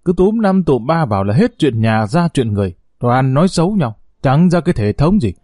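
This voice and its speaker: A man voicing a gruff, scolding old grandfather in an audio story. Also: medium pitch, sing-song, moderate pace, dark tone, no echo, studio quality, close to an everyday voice. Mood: dismissive. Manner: scolding, dismissive.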